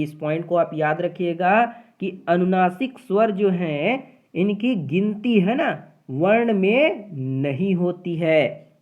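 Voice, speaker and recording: Step-by-step exam-prep teacher, middle pitch, thin phone-line quality. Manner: explains step by step, often adds tag questions. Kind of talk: exam-prep grammar lesson. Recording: phone-like narrow audio.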